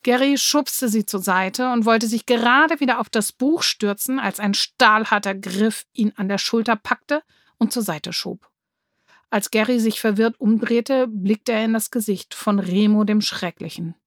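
Brief: woman storybook reader, calm and even, dry close sound. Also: on the high side, unhurried, no room sound. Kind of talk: scripted storybook narration.

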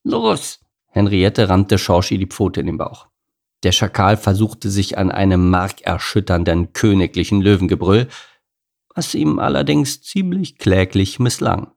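A man narrating a children's animal story as an audiobook, reading lively and expressively. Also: low-pitched, a little slow, gravelly.

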